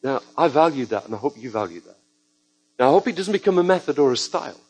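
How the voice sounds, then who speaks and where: Husky-voiced male preacher telling stories. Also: mid-range voice, fast talker, low-quality recording. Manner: lively storytelling with joking asides. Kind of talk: sermon with personal stories. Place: church before a congregation.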